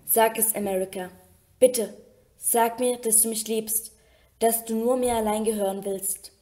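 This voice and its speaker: A woman voicing an earnest, tender young prince in a storybook reading, with a soft delivery. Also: a little high, steady tone, measured pace, lightly acted.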